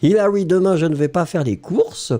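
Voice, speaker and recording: A man's voice: normal speed, dark tone. A man teaching French in a live lesson, reading viewers' comments aloud in a playful way and laughing often. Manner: playful, laughs often, exaggerated pitch swings.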